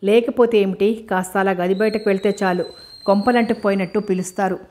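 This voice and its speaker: A woman's voice: medium pitch, steady tone, fairly quick, close to an everyday voice. A woman reading as a teasing young wife. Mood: mock scolding. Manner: teasing, gently scolding.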